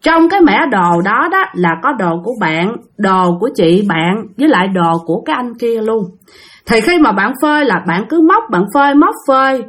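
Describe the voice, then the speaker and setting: A woman's voice: a little high, expressive, moderate pace, a bit bright. A woman with a Southern Vietnamese accent narrating a story, chatting directly with her listeners.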